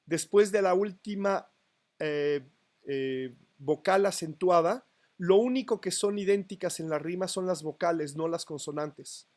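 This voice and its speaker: Slow, high-voiced lecturer. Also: male voice, a little mellow. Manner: methodical, counts syllables aloud, asks the class questions. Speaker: literature teacher. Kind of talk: university lecture.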